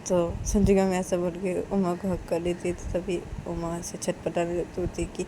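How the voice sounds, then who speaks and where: A woman's voice: fairly low pitch, level tone, normal speed, dark tone, a little hiss or hum. A woman narrating her own romantic story in plain, repetitive everyday speech. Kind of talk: first-person story narration.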